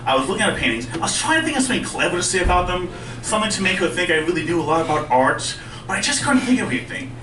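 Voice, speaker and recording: A man doing conversational, self-deprecating stand-up storytelling, with a speech impediment that softens his R's toward W. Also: high voice, big pitch swings, very fast. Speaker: stand-up comedian. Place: indoor live stand-up venue with audience. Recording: roomy live club, distant mic, faint noise.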